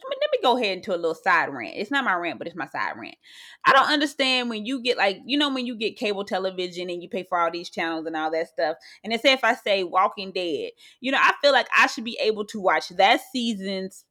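A woman co-hosting a casual chat podcast, ranting in an animated way and repeating her phrases. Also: medium pitch, fast talker. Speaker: podcast co-host.

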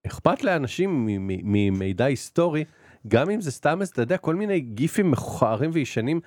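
A man in his forties with an Israeli accent, calmly explaining things in casual podcast chat. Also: mid-range voice, dry recording, studio quality. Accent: Israeli Hebrew. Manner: explaining, matter-of-fact. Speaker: podcast co-host.

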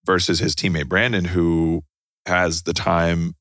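A man in relaxed podcast chat, profane and animated, telling racing stories. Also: sits low, a little slow, no echo, clean studio sound. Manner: profane, animated storytelling with put-on quotes. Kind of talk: casual chat.

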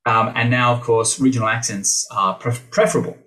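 Speaking a little fast with a bright, forceful tone, this Australian actor and voice teacher muses thoughtfully during a podcast interview. He keeps restarting and acts out the teachers he quotes, his medium-pitched voice staying fairly even over poor audio.

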